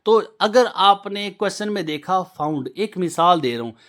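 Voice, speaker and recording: Earnest high-voiced teacher. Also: male voice, lively intonation, moderate pace, a bit bright. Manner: earnest, reassuring, repeats points step by step. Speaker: English teacher. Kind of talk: exam-prep lesson.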